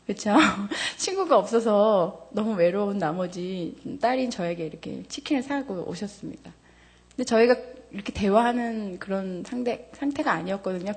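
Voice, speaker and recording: A woman in her thirties giving a testimony to a congregation, candid and animated, laughing often, her voice jumping high when she gets excited. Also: husky. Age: 30s. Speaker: church member giving testimony.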